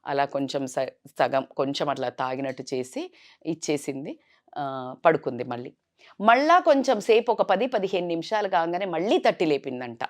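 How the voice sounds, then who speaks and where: A woman vlogger with a fairly low voice tells a family story. Her delivery is animated and dramatic, in casual talk to camera. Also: normal speed.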